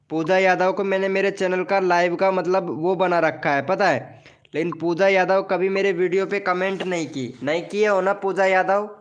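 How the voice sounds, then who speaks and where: A man's voice: high voice, smooth, dull audio. A man hosting a casual live stream who promotes viewers' channels, teases them jokingly and calls each of them by name.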